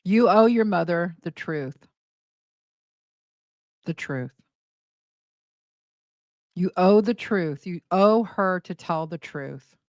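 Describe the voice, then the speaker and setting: A woman's voice: fairly low pitch, expressive, slow pace, pauses often, a little mellow, dry recording. A middle-aged woman hosting reaction commentary, sarcastic and scoffing as she argues back at a clip. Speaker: commentary channel host.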